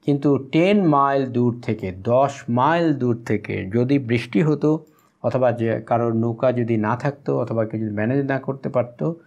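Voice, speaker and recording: A man from Bangladesh teaching English, reading each line of a text slowly and then explaining it at length. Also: medium pitch, darkish tone. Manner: teaching pronunciation aloud.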